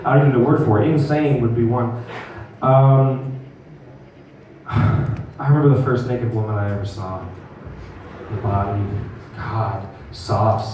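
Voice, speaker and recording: A man's voice: medium pitch, warm tone, recorded from a distance, slight background noise. Crude young male stand-up comic, echoey room. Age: young adult. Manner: crude, rambling, talks back to the crowd. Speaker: stand-up comedian. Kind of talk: stand-up comedy set. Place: comedy club stage.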